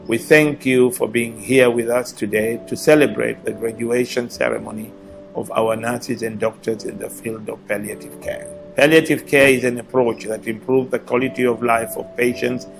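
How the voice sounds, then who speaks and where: A man reading a formal scripted narration in an even, steady way. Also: medium pitch, vocal fry. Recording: voice-over with guitar music.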